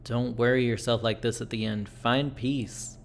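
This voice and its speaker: A man voicing a dying, devout old friend in a game, blunt, folksy and halting. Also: medium pitch, steady tone, gravelly, a little hiss or hum. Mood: grave warning.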